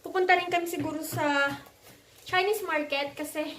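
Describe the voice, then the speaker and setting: A Filipino vlogger and mother chats casually at home in her bedroom, her voice high with fairly even intonation at a normal speed. Now and then she shifts into a gentle, coaxing mommy tone with her child. The room is echoey with faint background noise.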